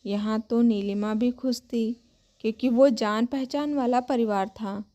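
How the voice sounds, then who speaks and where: A woman's voice: a little high, steady tone, a little slow, warm tone. A woman reading a scripted, emotional family story as a storyteller.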